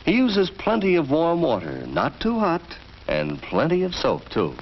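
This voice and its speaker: Narrating a 1940s educational film from a script, this American man speaks in a slightly high voice with huge pitch swings, unhurried and in an instructive, storytelling style. The soundtrack is dull and vintage, with faint noise.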